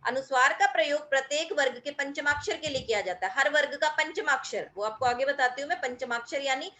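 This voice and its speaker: A woman's voice: high-pitched, fairly quick, bright, forceful tone. A woman teacher giving a recorded grammar lesson, explaining patiently to her pupils and drawing out sounds to demonstrate pronunciation. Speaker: school teacher.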